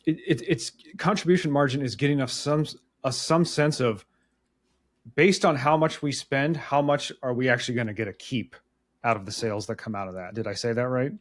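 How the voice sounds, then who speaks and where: A man's voice: mid-range voice, a little fast. A man hosting a casual business interview, plain-spoken, recapping and checking his understanding. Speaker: interview host.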